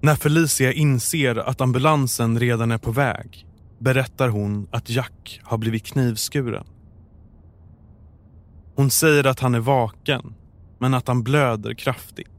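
Man, true crime narrator, scripted, calm and measured. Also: medium pitch.

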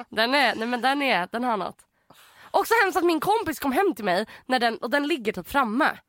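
Young woman, high and lively voice, bright tone, dry close sound, animated storytelling. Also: no echo. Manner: animated, teasing storyteller who acts out dialogue. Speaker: podcast co-host. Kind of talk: casual chat.

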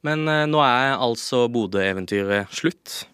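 A man's voice: medium pitch, expressive, a bit bright, clean tone, no room sound, clean studio sound. A man hosting a football podcast, introducing and interviewing in a casual, playfully mock-solemn way. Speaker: podcast host.

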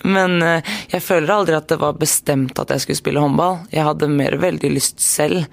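A woman's voice: low voice, gravelly. A young woman with an Eastern Norwegian accent, talking as an interview guest in a casual, hesitant way with many fillers and restarts. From Norway, grew up on Stord. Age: young adult. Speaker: guest, handball player.

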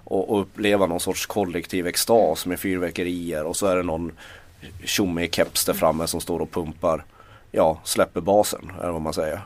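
A man's voice: low voice, steady tone. A man chatting casually about music as a critic, often breaking off, hesitating and repeating his words.

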